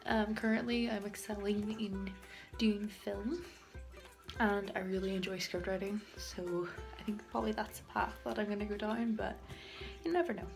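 Over music, a young Northern Irish vlogger chats casually to her phone camera at arm's length in a small tiled bathroom. Her mid-range voice is creaky and steady at a moderate pace, with giggles and whispered asides mixed in.

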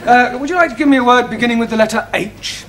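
An actor playing a patient, bemused teacher, in a sitcom scene. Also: male voice, extremely high pitch, fast, fairly bright tone. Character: patient but bemused male English teacher. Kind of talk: 1970s studio sitcom acting. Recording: studio audience laughter and noise. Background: studio audience laughing.

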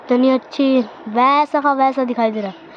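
A woman's voice: sits high, fairly even intonation, moderate pace, highs cut off, slight background noise. A woman vlogging casually outdoors with her phone, chatty and always telling viewers to look. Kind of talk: casual walking vlog. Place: outdoors in a village around home. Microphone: phone held while walking.

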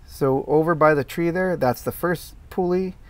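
A man's voice: a little high, moderate pace, no echo. A middle-aged man giving casual, explanatory voice-over commentary on his own work video, with frequent fillers and restarts. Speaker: tree care worker explaining his video.

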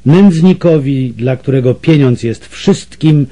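A man narrating an adventure novel as an audiobook reader, telling it in an expressive storytelling manner. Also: mid-range voice, a little slow. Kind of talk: scripted narration.

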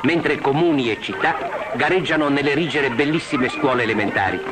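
1950s newsreel man over loud music. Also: medium pitch, fairly quick. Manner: declamatory, formal. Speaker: newsreel narrator. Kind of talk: scripted 1950s newsreel narration. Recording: old film soundtrack with loud music.

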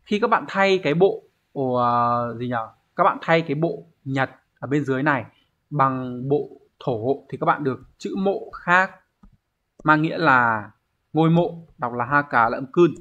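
A man's voice: a little high, a little slow, bright, forceful tone. A man teaching an online exam review lesson, explaining step by step and often checking in with his students. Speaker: Japanese teacher. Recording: dull lo-fi recording.

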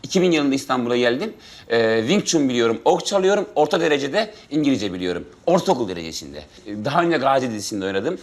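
A man's voice: medium pitch, big pitch swings, quick pace. A man in his forties from Turkey, an actor at an audition in a sitcom, overly polite and stammering with fillers. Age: 40s. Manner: bursts into shouted raging rant. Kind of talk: sitcom acting.

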